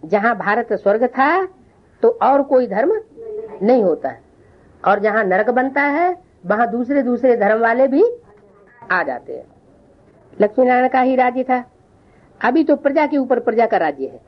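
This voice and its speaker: Woman, fairly high voice, leads a religious lesson, quizzing and teasing the class, dull lo-fi recording. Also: big pitch swings, moderate pace, long pauses. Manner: questioning, teasing listeners. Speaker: spiritual class teacher.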